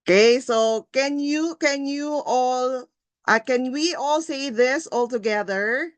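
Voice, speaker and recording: A Filipino woman with a Filipino accent leads an online review class in an unhurried, encouraging way, switching between Filipino and English and checking in with quick tag questions. Her voice sits a little high, and the sound is dry and close. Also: no room sound. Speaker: exam review coach.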